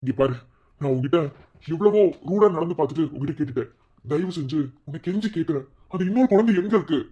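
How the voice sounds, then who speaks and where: A man's voice: on the high side, lively intonation, fast talker, mellow, slightly rough, muffled recording. An actor playing a husband who angrily scolds his wife, then pleads with her. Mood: pleading. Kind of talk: TV serial dialogue.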